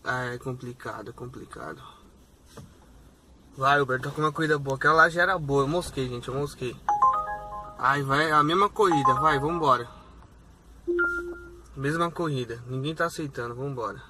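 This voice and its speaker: A young man vlogs from his car as a rideshare driver, day and night, upbeatly checking in with his viewers in a casual talk to camera. He speaks at medium pitch and a moderate pace, pausing often, with music in the background. His dashboard phone camera also catches faint car and road noise.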